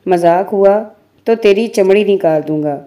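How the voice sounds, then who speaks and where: A woman voicing a brash young village man, in a lowered, gruff voice. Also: unhurried, mellow. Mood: insistent. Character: rough young male village lover, brash.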